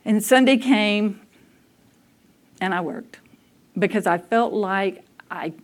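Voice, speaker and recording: A woman's voice: medium pitch, takes it slowly. A woman preaching a conversational sermon, telling personal stories candidly and laughing at herself. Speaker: speaker at a church service.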